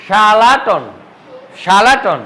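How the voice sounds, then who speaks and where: Man, high voice, classroom pronunciation lesson, asks and answers his own questions. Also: lively intonation, drawn-out words, bright, forceful tone, rough recording. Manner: repeats questions and answers them himself. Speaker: English teacher.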